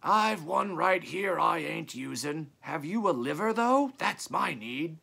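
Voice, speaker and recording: Ancient croaking scavenger, pitched up. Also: male voice, lively intonation, slow, pushed and bright, exaggerated voice. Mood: eager bargaining. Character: ancient croaking graveyard scavenger, brisk bargainer.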